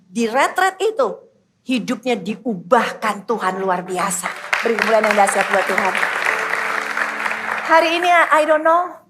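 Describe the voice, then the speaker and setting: A woman's voice: a little high, big pitch swings, a little slow, pauses often, over a noisy crowd, heavy background noise. A woman pastor with an Indonesian accent preaching a youth sermon, telling a personal story in an emphatic way and repeating her phrases. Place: church hall in a mall.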